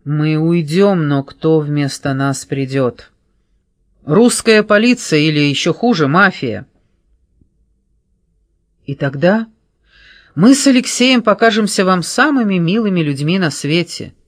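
A man reading a calm male French private detective in an audiobook, gently persuading a suspect. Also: fairly high pitch, unhurried, pauses often, dry recording, clean studio sound. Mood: persuasive.

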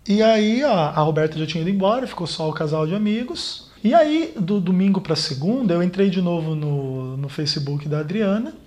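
A man, a pastor, telling a therapist a painful personal story in a halting way and repeating words as he goes. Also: high-pitched, lively intonation, a little mellow. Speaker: pastor speaking as a therapy client. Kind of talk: personal account in a therapy session.

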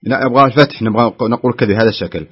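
A man teaching on a radio call-in show, quickly and patiently correcting a caller's recitation. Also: mid-range voice, slightly rough. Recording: slightly muffled radio broadcast.

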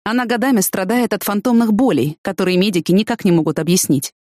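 A woman reading an audiobook, voicing a blunt, hot-tempered young man who speaks in a gruff, matter-of-fact way. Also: medium pitch, fast talker, dark tone, no echo, studio quality, natural voice.

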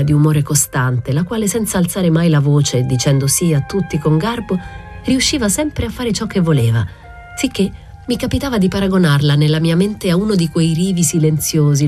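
A woman with a low, mellow voice reads a novel aloud in a measured, even narration. Soft music sits faintly underneath her. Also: breathy edge. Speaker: audiobook reader. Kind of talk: scripted literary narration.

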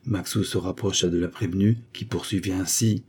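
Low, husky male audiobook narrator. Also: fairly even intonation, a little fast, darkish tone.

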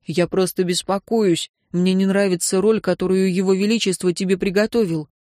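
A woman voicing a stubborn, protective man in an audiobook, speaking in a measured, grumbling way. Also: medium pitch, fairly even intonation, warm tone, no room sound, clean studio sound, lightly acted. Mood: earnest. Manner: measured, grumbling, hesitant at times. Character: protective young nobleman, stubborn. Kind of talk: audiobook character reading.

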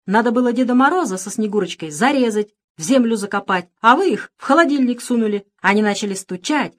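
Woman voicing a pirate queen, raised pitch, loud and bossy, storybook villainess, animated delivery. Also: fast talker. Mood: domineering. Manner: bossy, sharp, feigning sweetness. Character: scheming, imperious female pirate queen. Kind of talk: audiobook character reading.

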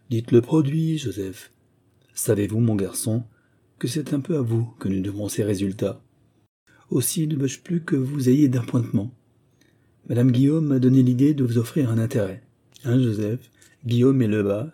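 A man voicing a shrewd, gruff, fatherly old male cloth merchant who lectures and exclaims in an audiobook. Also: mid-range voice, normal speed, mellow, natural voice. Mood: stern.

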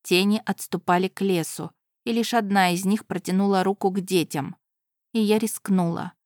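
Studio-quality and free of room sound, this first-person audiobook is read by a woman whose voice sits in the mid range. Her delivery is measured yet expressive, like a storyteller.

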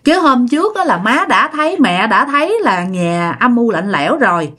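A woman's voice: on the high side, very animated, normal speed, a bit bright. A woman as a worried older mother-in-law. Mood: concerned.

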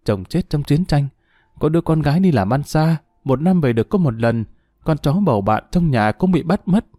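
A man's voice: on the high side, animated, moderate pace, warm tone, no echo, clean studio sound. A man voicing a worried young wife who pleads earnestly with her husband. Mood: pleading.

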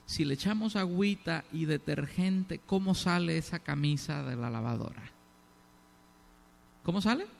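A man's voice: on the high side, expressive, normal speed, creaky. A middle-aged man preaching a sermon, asking the congregation questions and leaning hard on key words.

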